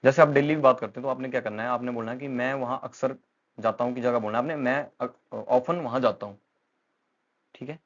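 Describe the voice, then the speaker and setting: A man's voice: mid-range voice, fairly quick, muffled recording. A man with an Indian accent teaching English pronunciation, talking patiently and repeating words with frequent fillers. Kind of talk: explanatory lesson in Hindi mixed with English.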